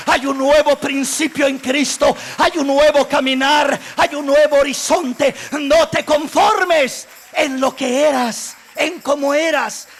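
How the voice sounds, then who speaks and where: High, gravelly-voiced male pastor preaching. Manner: impassioned preaching, rises to shouting on key lines. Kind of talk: sermon.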